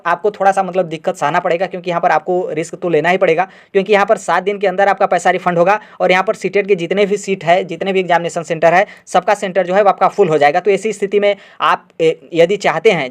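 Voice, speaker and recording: A man with a rather high voice rattles through an explanatory exam-update talk at a brisk clip. He speaks straight to his viewers, circling back over points and padding his sentences with fillers. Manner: rapid, repetitive filler-heavy explaining, addresses viewers directly. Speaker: exam-update video host.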